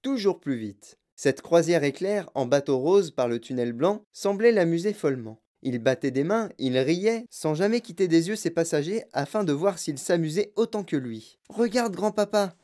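A man reading a children's storybook aloud in a calm, even narration. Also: on the high side, moderate pace, hardly any pauses.

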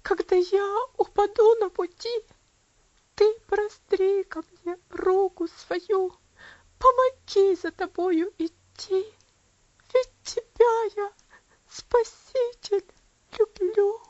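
A woman's voice: extremely high pitch, slow, a little mellow, no echo, muffled recording, pitched above the performer's own voice. A woman reader voicing a devout, loving young girl who cries and pleads in a trembling voice. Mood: tearful prayer. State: crying.

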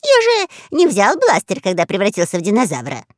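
A woman voicing a squeaky, panicky male rat pirate in an audiobook story, shrill and frantic. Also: wildly swooping pitch, a little fast, dry recording, clean studio sound. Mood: flustered.

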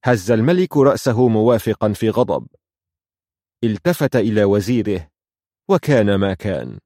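A man reading literary short stories aloud in a measured, reflective manner. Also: on the low side, very animated, warm tone, no room sound, studio quality. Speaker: storyteller.

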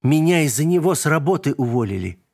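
A man's voice: on the high side, expressive, fast talker, darkish tone, pitched above the performer's own voice. A man voicing a frantic, emotional young mother in an audiobook, his voice raised and agitated. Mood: determined.

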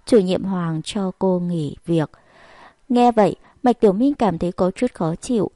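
A woman narrating an audiobook story in a steady, even reading. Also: lowish voice, measured pace, no echo.

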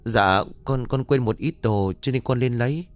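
A man's voice: medium pitch, moderate pace, no room sound, soft background music, natural voice. A man voicing a timid young woman servant who answers hesitantly and politely. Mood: meek. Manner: hesitant, deferential. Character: timid young woman maid, meek and obedient.

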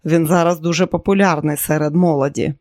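A man reading an audiobook voices a middle-aged monk who speaks quietly and kindly. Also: a little high, fairly even intonation, fairly quick, no room sound, studio quality, close to an everyday voice. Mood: gentle. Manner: quiet and kind. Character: gentle, soft-spoken middle-aged male monk.

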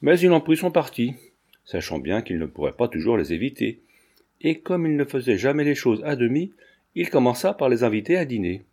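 A man reading a classic novel aloud as an audiobook narrator, in a steady, measured storytelling manner. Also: medium pitch, slightly rough. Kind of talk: scripted narration of a 19th-century novel.

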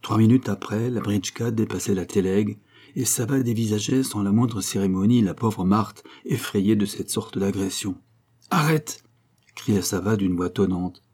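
A man reading a novel aloud in steady, measured scripted narration. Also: on the low side, husky. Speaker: audiobook reader.

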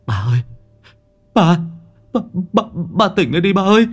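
Brief: a terrified young man, put on by a male narrator, stammering, pitched well up, lively swings. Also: moderate pace, soft background music. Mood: panicked. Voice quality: stuttering.

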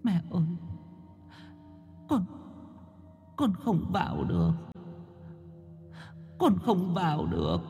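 A man's voice: high voice, huge pitch swings, takes it slowly, vocal fry, pauses often, warm tone, big-room sound, pitched above the performer's own voice, heavily acted. A man doing a weeping drowned girl's ghost. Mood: weeping softly. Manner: sobbing, faint and trembling. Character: drowned young woman ghost, weeping, pleading.

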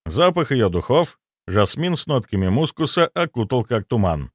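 A man's voice: mid-range voice, very animated, moderate pace, no room sound, studio quality. A young man narrating a first-person audiobook expressively and acting out the dialogue.

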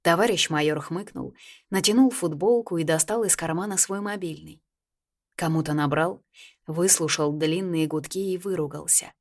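Low-voiced woman narrating an audiobook. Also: moderate pace. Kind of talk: first-person audiobook narration.

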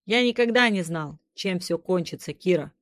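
A woman's voice: on the low side, expressive, moderate pace, no room sound, studio quality, lightly acted. A woman voicing Ethan, a reckless and determined young male hero, with a raised voice, in an audiobook.

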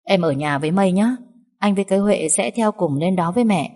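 A woman's voice: mid-range voice, expressive, a little fast, a little mellow. A woman voicing a worried young husband who speaks firmly and in a hurry. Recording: long hall reverb.

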